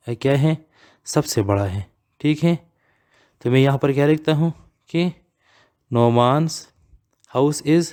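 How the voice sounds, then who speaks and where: A male English grammar teacher giving a lesson, asking himself questions and repeating key words, reading examples out slowly. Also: medium pitch, a little mellow. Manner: asks and answers his own questions, repeats key words.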